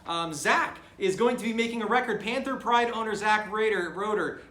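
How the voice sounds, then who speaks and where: A man playing a cocky, boisterous color commentator who trash-talks loudly in an echoey room. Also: high-pitched, normal speed, voice pushed up. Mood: brash. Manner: loud, boisterous trash talk. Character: brash loud male sports commentator, cocky.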